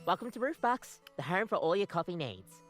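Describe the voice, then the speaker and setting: A woman's voice: fairly low pitch, sing-song, a little fast. An actress playing a perky woman barista in a video game, greeting customers in a polished customer service voice. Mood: perky, welcoming. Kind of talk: scripted video game voice acting. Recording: music behind the voice.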